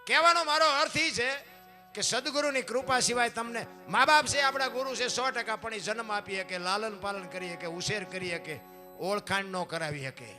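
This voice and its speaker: A man with a Kathiawadi Gujarati accent gives a devotional sermon. He preaches emphatically, often calls his listeners "bapu", and lets his loudness rise and fall. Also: high-pitched, normal speed, soft background music. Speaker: devotional folk artist. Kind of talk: devotional sermon on saints and scripture.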